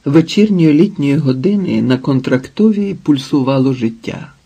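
A man narrating an audiobook in a calm, measured way. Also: mid-range voice, gravelly, husky. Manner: calm, measured, unhurried reading. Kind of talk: scripted narration.

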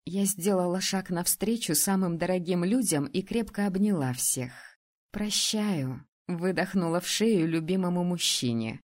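A woman narrating a first-person romance story in an expressive, steady reading voice. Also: lowish voice, moderate pace, hardly any pauses. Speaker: audiobook narrator.

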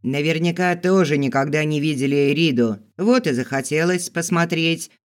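A hostile young dancer with a rough, scornful tongue, as voiced by a man reading an audiobook. Her voice sits a little above the reader's own. Every line she says is sharp and contemptuous. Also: a little high, normal speed, close to an everyday voice.

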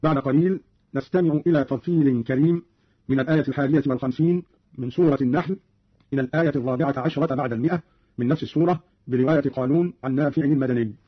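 A man giving a formal, didactic explanation of reading variants, slowing down to chant short verse examples, on a dull archival radio recording. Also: medium pitch, breathy edge. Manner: measured, didactic, slows for chanted demonstrations.

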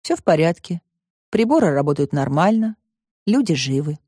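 A woman narrating a children's audiobook in an expressive storytelling manner, close to the mic. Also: low voice, moderate pace, slightly rough, no echo.

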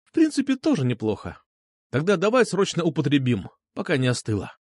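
A playful young woman from an audiobook, teasing and quick to laugh, put on by a male narrator. Her voice sits high and light, swinging widely in pitch. The sound is close and dry. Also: no room sound. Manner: teasing, lively. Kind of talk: audiobook character voice.

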